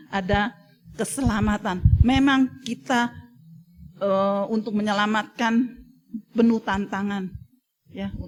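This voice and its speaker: A middle-aged woman preaching a sermon in an animated way, often turning to the congregation and rising to emotional peaks. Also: medium pitch. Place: church service streamed online.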